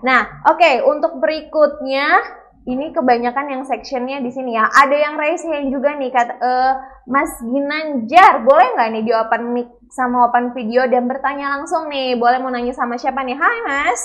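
A woman's voice: high voice, moderate pace, fairly bright tone. A woman casually moderating questions as the host of an online event. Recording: dull, lo-fi online call.

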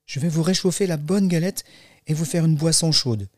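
A man voicing a polite, innocent little girl in a storybook, high and light, with wide-eyed exclamations. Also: moderate pace, darkish tone, lightly acted. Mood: sweetly polite.

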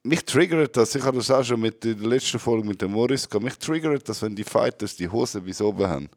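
A young man with a Swiss German accent hosting a casual podcast chat, joking, laughing often and shouting to act out his jokes. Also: medium pitch, expressive, a little fast, no room sound, studio quality. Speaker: podcast host.

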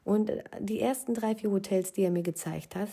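Plaudernde Frau mit kratziger, dunkler Stimme. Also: female voice, mid-range voice, normal speed, gravelly, warm tone, breathy edge. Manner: chatty, humorous, frequent tag "ne?" and "äh". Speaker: storyteller recounting her own wedding. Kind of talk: casual spoken anecdote.

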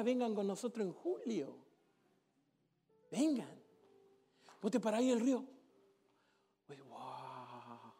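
High-voiced, gravelly Argentine pastor preaching. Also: male voice. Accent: Argentine Spanish. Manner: humorous, acts out dialogue, builds to fervent exhortation. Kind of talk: storytelling sermon.

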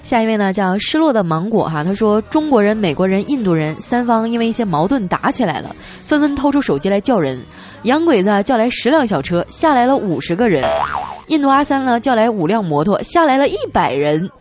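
A woman's voice: medium pitch, big pitch swings, fairly quick, darkish tone. A woman hosting a radio-style show, reading listener jokes in a playful, teasing storytelling manner. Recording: music bed underneath.

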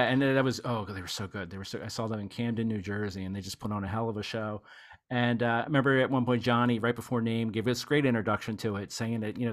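A man hosting a podcast in casual chat, rambling eagerly with many "you know"s as he talks about music he loves. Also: lowish voice. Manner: rambling and enthusiastic, heavy use of "you know". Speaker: podcast host.

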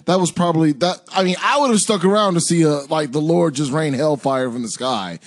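A man's voice: fairly high pitch, fairly quick. A man co-hosting a casual Bible podcast, joking around in a playful way. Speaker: podcast co-host.

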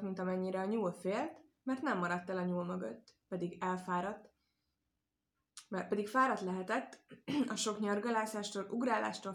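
Female storyteller for a children's fable: expressive, measured reading, mid-range voice. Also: mid-range voice, vocal fry. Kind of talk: storybook narration.

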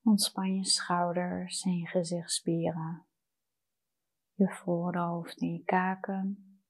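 A woman guiding a meditation in a soft, soothing, unhurried manner with long pauses. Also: on the low side, little pitch movement. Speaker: meditation guide. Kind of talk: guided meditation.

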